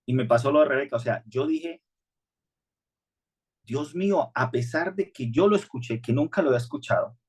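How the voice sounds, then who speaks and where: A man's voice: medium pitch, fast, few pauses, breathy edge. A male pastor, preaching a sermon in an earnest, conversational way with frequent restarts.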